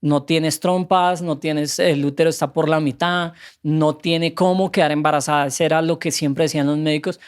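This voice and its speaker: A man's voice: fairly high pitch, normal speed, few pauses, clean tone. A man tells his story of faith as a podcast guest. He speaks earnestly and acts out the voices in the story. He then turns to urge listeners never to give up. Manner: earnest, animated storytelling with acted quotes. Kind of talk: testimony and faith exhortation.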